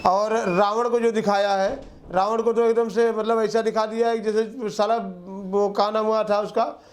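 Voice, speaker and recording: A man's voice: high-pitched, flat delivery, moderate pace. A man, co-hosting a casual film review chat in a blunt, rustic, emphatic way with crude slang.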